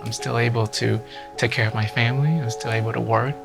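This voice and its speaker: Guy in his 30s from vietnam, super gravelly low voice, music under it. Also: steady tone, brisk. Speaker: cancer patient and doctor. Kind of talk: personal interview.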